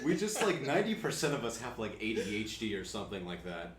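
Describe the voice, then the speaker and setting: Easygoing young male co-host, lively tone, echoey room. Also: on the low side, fast, slight background noise. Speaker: podcast co-host. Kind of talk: casual chat among friends.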